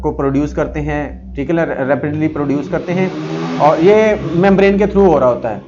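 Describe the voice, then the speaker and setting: Guy teaching neurons, kinda high voice, reads english slow then explains, muffled lo-fi audio. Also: background noise. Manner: reads English lines slowly, then explains in Urdu-Hindi with many fillers. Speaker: psychology teacher. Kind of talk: explaining a lecture. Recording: dull lo-fi audio.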